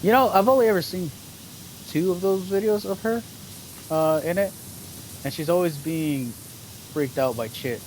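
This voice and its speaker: A man co-hosting a casual live stream, relaxed and chatty, laughing often while he explains things at length. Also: sits high, moderate pace, pauses often, a little hiss or hum, poor audio. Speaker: streamer co-host.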